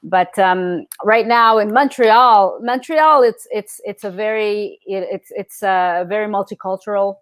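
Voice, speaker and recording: A woman's voice: mid-range voice, a little slow, few pauses, dry recording. Hesitant middle-aged woman from El Salvador. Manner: hesitant, many fillers and restarts. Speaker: guest. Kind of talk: casual interview.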